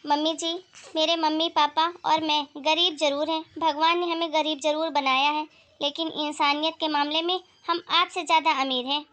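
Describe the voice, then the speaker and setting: A young daughter-in-law from a poor family defends her dignity in a bright, high cartoon voice that holds steady and flat, as a woman voices her. She is earnest and self-respecting. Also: moderate pace. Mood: hurt.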